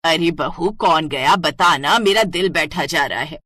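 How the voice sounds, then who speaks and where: Leela, a fretful old mother-in-law in a cartoon story, voiced by a woman, forever scolding. The voice is bright and forceful but husky, pitched a little low. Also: a little slow, dry recording, exaggerated voice. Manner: scolding, nagging. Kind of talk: cartoon voice acting.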